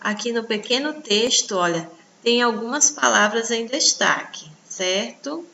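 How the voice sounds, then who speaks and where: A Brazilian Portuguese woman teaching children in a recorded online lesson, slow and patient, pointing things out on the page. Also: fairly high pitch, animated, vocal fry, bright, forceful tone, lo-fi sound, a little hiss or hum. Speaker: primary school teacher.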